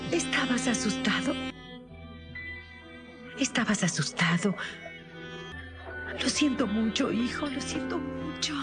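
A woman with a Latin American Spanish accent dubbing a desperate, fiercely protective young mother in a TV drama, speaking with impassioned pleading. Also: sits high. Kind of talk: dubbed TV drama. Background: loud dramatic score.

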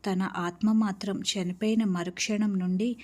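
A woman's voice: medium pitch, steady tone, unhurried, darkish tone, close to an everyday voice. A woman storyteller voicing an obsessed young man who confesses his crime with tears. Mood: remorseful. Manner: tearful confession.

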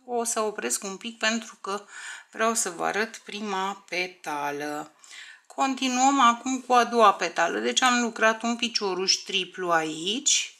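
A woman's voice: mid-range voice, gravelly, pushed and bright. A woman teaching a crochet tutorial step by step, counting stitches aloud, often under her breath, and checking in with viewers.

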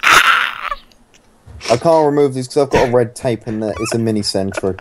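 A man's voice: medium pitch, expressive, moderate pace. Man on a noisy voice chat. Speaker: gamer. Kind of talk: casual voice chat while gaming.

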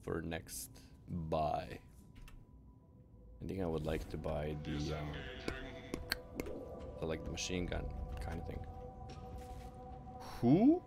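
Slow, gravelly-voiced male streamer. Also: extremely low pitch, flat delivery, loud music behind the voice. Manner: playful, hums nonsense syllables, thinks aloud. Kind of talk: casual live gameplay chat.

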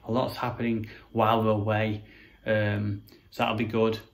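A renovation vlogger in his thirties speaks at a normal pace in a lowish voice full of vocal fry, his delivery completely flat. He gives a casual, rambling, no-nonsense walk-through of the rooms inside a house. The audio comes from a handheld camera or phone at arm's length and has noticeable background noise.

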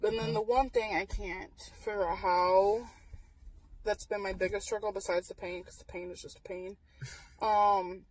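A woman's voice: medium pitch, steady tone, normal speed, slightly rough, recorded from a distance, rough recording. Tired young woman chatting in a car. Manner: candid, matter-of-fact, many fillers. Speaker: vlogger. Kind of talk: casual chat. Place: parked car at night. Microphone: camera on dashboard. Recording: voice a little off-mic in car.

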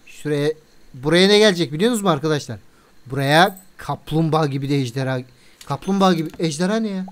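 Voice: medium pitch, fast talker. A game video creator giving casual let's-play commentary in a playful way, chatting to viewers and scolding the game characters.

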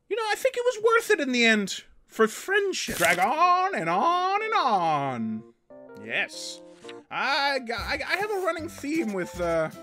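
A performer voicing an excitable cartoon man who rambles and yelps in alarm while reacting to his own cartoon episodes. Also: medium pitch, exaggerated voice. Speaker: reacting host character. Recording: loud music playing underneath.

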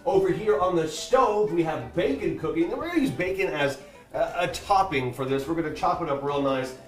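A man in his forties, voice fairly high and expressive, runs a playful, upbeat cooking demo in his home kitchen at a fairly quick clip. He chats and cracks jokes, picked up by a wide camera on the counter, with soft music behind him.

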